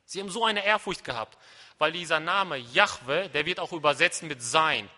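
Bright-voiced preacher in a reverberant hall. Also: male voice, fairly high pitch, animated, moderate pace. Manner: swings from quiet despairing prayer to loud emphatic proclamation. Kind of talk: sermon.

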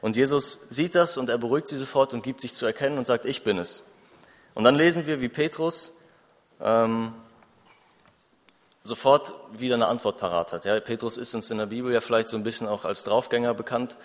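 A man delivers a sermon with earnest, conversational warmth, pausing now and then to gather his thoughts. His voice sits at an ordinary middle pitch. A long reverb trails behind him, as in a church hall. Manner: earnest, conversational preaching with occasional fillers. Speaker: preacher.

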